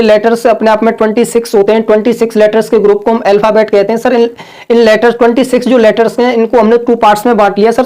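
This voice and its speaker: A man's voice: very high-pitched, darkish tone. Guy teaching grammar online, repeats everything over and over, stretches out the words he's correcting. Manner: repetitive and drilling, calls listeners "sir" and "brother".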